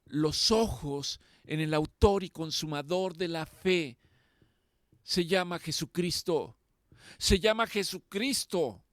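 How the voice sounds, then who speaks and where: Male pastor, high and slow, fervent emphatic preaching, dry close mic. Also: no echo. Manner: impassioned preaching, slow and emphatic with repeated phrases. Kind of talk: sermon.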